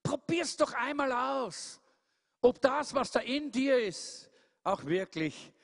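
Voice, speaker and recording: A man doing a gentle old wise owl. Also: very high-pitched, big pitch swings, slow, vocal fry, voice pushed up, heavily acted. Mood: coaxing. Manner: gentle, coaxing.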